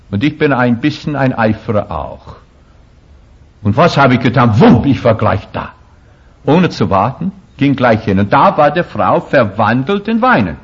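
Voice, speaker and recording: A man with a husky, slightly breathy voice preaches with strong emphasis. His German grammar slips here and there. The recording sounds dull and lo-fi. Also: medium pitch. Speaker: pastor. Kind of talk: sermon.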